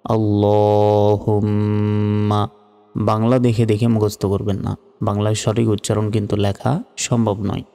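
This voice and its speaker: A man teaching recitation, explaining slowly and then drawing out each word as he recites it. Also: fairly low pitch, flat delivery, vocal fry, dark tone. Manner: slow, drawn-out Arabic recitation between Bengali explanations. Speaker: religious teacher. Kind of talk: recitation lesson. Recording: reverberant with faint music. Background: faint music.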